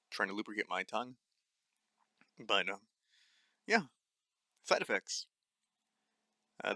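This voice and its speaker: A fairly low, gravelly voice with a bright, forceful tone and no room sound belongs to a young adult nutrition podcaster. Delivering a solo rant, he is blunt and angry in a dry voice, swears often, and keeps stumbling with fillers and restarts.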